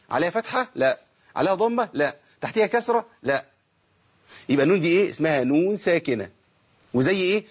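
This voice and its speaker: Egyptian man, rapid and slightly husky, teaching an online class and answering his own questions. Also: fairly high pitch. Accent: Egyptian Arabic. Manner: asks questions and answers them himself. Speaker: Quran recitation teacher. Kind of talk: online lesson.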